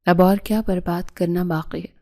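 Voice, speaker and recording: A woman's voice: fairly low pitch, steady tone, a little mellow, natural voice. A woman voicing a wronged young wife in an audio story, tearful and bitter.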